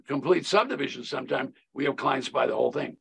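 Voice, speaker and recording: A man's voice: medium pitch, fast, vocal fry, slightly rough. An older man explaining real estate investing on a video call, folksy and emphatic with a lot of repetition. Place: home office.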